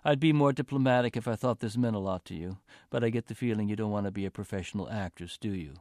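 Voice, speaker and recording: A man reading as a blunt, deliberate drama professor. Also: lowish voice, a little mellow, no room sound, clean studio sound, natural voice. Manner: blunt, measured.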